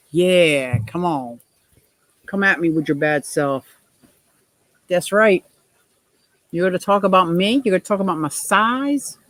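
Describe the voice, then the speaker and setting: On a dry recording, a deep-voiced livestream host in her sixties reads comments from her viewers. She's casual, gushing, and playful, laughing often.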